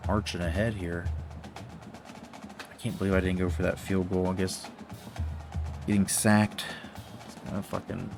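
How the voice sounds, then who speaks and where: A man's voice: low-pitched, little pitch movement, normal speed, vocal fry, long pauses, music in the background. Rambling man streaming a football game. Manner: rambling, swears, mock play-by-play calls. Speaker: gaming streamer. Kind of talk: casual gameplay commentary.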